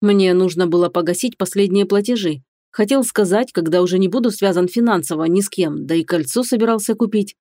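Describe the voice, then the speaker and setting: A woman's voice: mid-range voice, a little fast, hardly any pauses, dark tone, no room sound, close to an everyday voice. A woman doing a worried young man. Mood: earnest.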